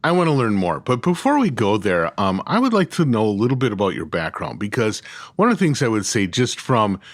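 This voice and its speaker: Male podcast host, low and dry, curious interviewer. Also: big pitch swings, a little fast, dry recording. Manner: curious, rambling questions. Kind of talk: casual interview conversation.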